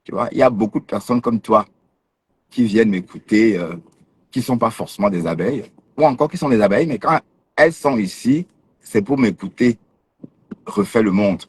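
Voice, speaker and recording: A man's voice: fairly low pitch, normal speed, breathy edge. A man hosting a casual livestream, addressing a rival directly in a mocking, confrontational way. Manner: mocking, confrontational, teasing laughs. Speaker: livestream host.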